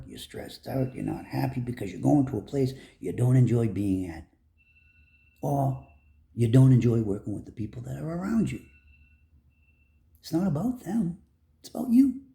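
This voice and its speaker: A man giving an earnest motivational monologue, preachy and heartfelt, swinging between emphatic bursts and soft lines. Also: medium pitch, gravelly. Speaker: motivational speaker.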